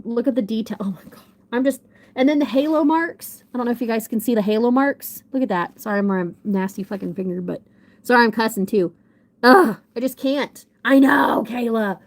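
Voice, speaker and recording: A woman's voice: fairly high pitch, darkish tone. A woman, gushing and rambling on a casual livestream, showing off her collection with lots of restarts. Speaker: model horse collector hosting a livestream.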